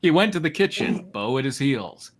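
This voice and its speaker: Reading a comic fan fiction story aloud, a man narrates with wry amusement and drifts into casual asides. His mid-range voice is sing-song, at a moderate pace.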